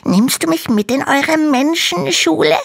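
A woman voicing a tiny, timid young male dragon in a storybook reading, squeaky and whimpering as he pleads. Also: animated, unhurried, creaky, exaggerated voice. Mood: eager pleading.

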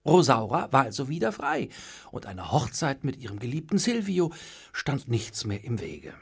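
A man reading a story aloud as narrator, lively and expressive. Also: medium pitch, normal speed, vocal fry, slightly rough.

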